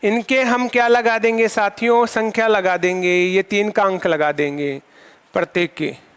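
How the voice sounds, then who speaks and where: Lecturing in a classroom, this Sanskrit teacher asks questions, answers them on his own, and keeps repeating the key terms. He has a high-pitched, smooth voice with a steady tone and unhurried pace, heard through long hall reverb.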